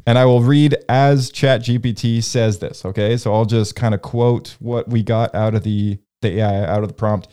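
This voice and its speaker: Guy hosting a casual podcast chat, low mellow voice, lots of uhs and rambling. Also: fairly even intonation, moderate pace, few pauses, clear, resonant tone. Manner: rambling, many fillers and restarts. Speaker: podcast host leading discussion.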